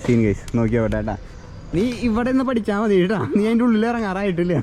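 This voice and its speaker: A man with a Kerala accent chatting excitedly as a vlogger, mixing English slang into his Malayalam. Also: sits high, fast. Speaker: vlogger, host. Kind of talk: excited casual outdoor vlog chat. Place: outdoor skate park.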